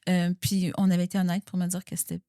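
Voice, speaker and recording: A woman's voice: lowish voice, level tone, quick pace, mellow, smooth, no room sound, clean studio sound. A woman with a Québécois French accent speaking as an executive guest, reflective and candid, often restarting and repeating words as she thinks aloud. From Quebec. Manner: reflective, frequent restarts and repeated words, code-switches into English phrases. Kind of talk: candid conversational interview.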